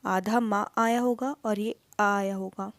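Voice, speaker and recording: A woman teacher gives an exam-prep lesson in Hindi mixed with English words, asking questions and then answering them herself. Her mid-range voice has fairly even intonation and a measured pace. There's no room sound.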